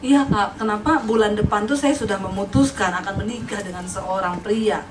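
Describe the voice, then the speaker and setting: A hesitant, earnest young woman worship leader confides, her voice dropped low and soft, as a woman preacher acts her out. It sounds echoey and a little distant, as if caught from across a hall. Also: normal speed, noisy background, natural voice. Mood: confiding.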